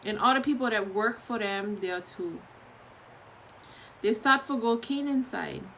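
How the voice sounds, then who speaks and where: A woman with a Hawaiian Pidgin accent reads scripture aloud as a colloquial, expressive storyteller, pausing and repeating phrases. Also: on the high side, slight background noise, poor audio. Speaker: host of a daily online Bible reading.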